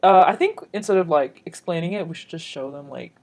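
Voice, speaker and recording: A woman with a low-pitched voice co-hosts a casual comedy podcast. She talks informally and in slang, through a cloth face mask. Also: fairly quick, a little mellow. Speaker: podcast co-host.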